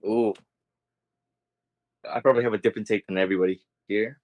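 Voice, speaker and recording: A man co-hosting a casual podcast, relaxed and quick to laugh. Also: fairly low pitch. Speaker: podcast co-host. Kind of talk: casual chat.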